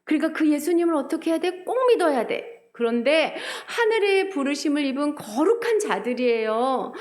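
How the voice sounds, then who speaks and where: Children's minister, woman, young adult; high, animated sing-song delivery that acts out voices. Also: moderate pace.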